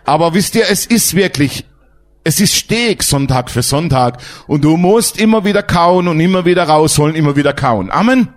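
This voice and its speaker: A man preaching a sermon as pastor, emphatic and lively, asking his congregation questions. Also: on the high side, moderate pace.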